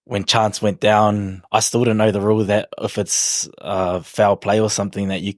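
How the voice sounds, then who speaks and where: A man's voice: on the low side, flat delivery, normal speed, dry recording, studio quality. A man in his twenties with a broad New Zealand accent, chatting casually in an interview in a laid-back, slangy, hesitant way. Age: 20s. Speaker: rugby league player, podcast guest.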